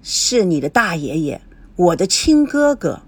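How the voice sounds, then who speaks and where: An earnest, reserved old grandfather in an audiobook, read by a woman. His lines are steady and a little lowered, with a breathy, husky edge. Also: a little slow, full character voice.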